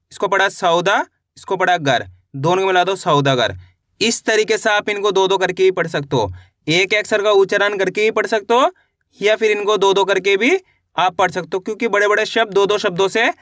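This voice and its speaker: A man teaching children's reading, drilling each syllable slowly and asking his class how to read each word. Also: high-pitched, fairly bright tone, no echo, clean studio sound. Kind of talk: online lesson.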